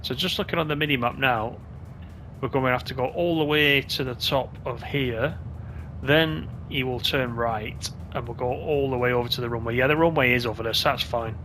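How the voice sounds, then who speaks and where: A man with a mid-range voice plays a game and talks casually over it, musing aloud as he goes. He speaks at a normal speed with a pushed, bright sound, while game music plays clearly in the background.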